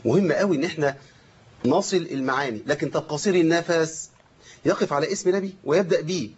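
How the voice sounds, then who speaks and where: An Egyptian man with a fairly high voice teaches the rules of Quran recitation. He chants verses slowly to show each point and keeps checking that his students follow along. The recording is dull and lo-fi. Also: darkish tone, slightly rough. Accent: Egyptian Arabic.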